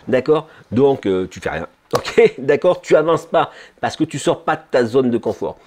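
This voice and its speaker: A man giving an informal motivational talk about his ice cream business, full of slang and constant "d'accord?" check-ins, acting out inner voices in low murmurs. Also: big pitch swings, moderate pace, darkish tone, slight background noise. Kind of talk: casual motivational talk to camera.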